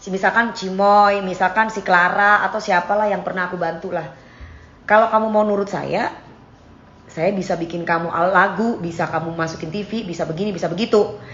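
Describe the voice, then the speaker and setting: A woman in casual chat with her followers, speaking bluntly, giving examples and lecturing, at times dropping to a quiet voice. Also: mid-range voice, steady tone, fairly quick, highs cut off, slight background noise. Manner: blunt, lecturing, gives examples, drifts between topics. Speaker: singer talking to her followers. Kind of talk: casual live-stream chat.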